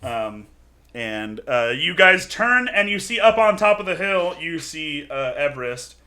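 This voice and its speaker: A man narrating a tabletop game as game master, halting with lots of fillers and giggles. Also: fairly high pitch, big pitch swings, sharp tone.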